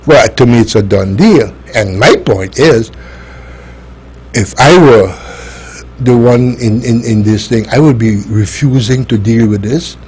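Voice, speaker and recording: A man's voice: mid-range voice, unhurried, a little mellow, slightly rough. A man with an Aruban accent giving opinionated political commentary on a talk show, speaking emphatically and arguing with rhetorical questions.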